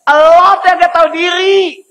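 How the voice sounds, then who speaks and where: A man's voice: steady tone, measured pace, fairly bright tone. A man doing a cheeky sassy monkey. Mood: mocking. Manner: slangy street banter, raised pitch. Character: cheeky male monkey mocking a human.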